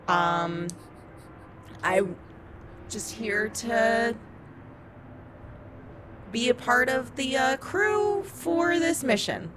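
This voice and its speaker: A woman's voice: fairly high pitch, background noise. A woman playing an evasive, sarcastic female bounty hunter in a tabletop role-playing game, deflecting with coy questions. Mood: dismissive. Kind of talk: in-character tabletop role-play. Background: background music.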